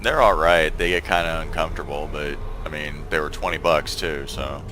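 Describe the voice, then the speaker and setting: A man with a bass voice streams a space game at normal speed, music playing behind him. He chats casually in a relaxed way, thinking aloud as he plays and letting his sentences trail off.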